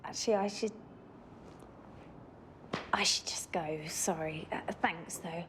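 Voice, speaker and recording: A woman's voice: on the low side, slow, a bit bright, slight background noise. A woman playing an uneasy, polite new neighbour in a film drama, hesitant and apologetic.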